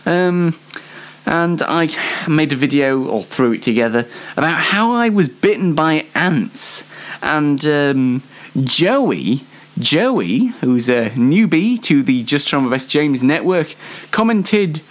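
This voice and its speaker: Speaking slowly in a fairly high, sing-song voice, this man hosts a one-man show. His monologue is casual and comic, full of hesitant rambling and self-deprecating jokes aimed at the audience.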